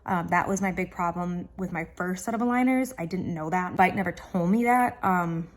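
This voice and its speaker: A woman's voice: fairly low pitch, moderate pace. Casual woman vlogger with an aligner lisp. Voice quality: slight lisp from wearing dental aligners. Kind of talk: casual chat to viewers.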